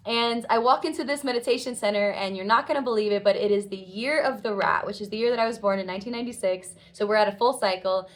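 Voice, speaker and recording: Young woman, twenties, slightly high-pitched; reflective, heartfelt personal storyteller. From United States. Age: 20s. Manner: earnest, heartfelt, reflective, acts out quoted dialogue. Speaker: vlogger.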